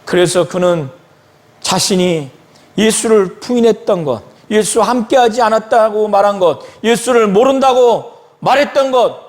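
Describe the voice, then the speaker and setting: A male pastor preaching a sermon in a church, retelling a Bible story slowly and acting out the quoted lines. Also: high-pitched.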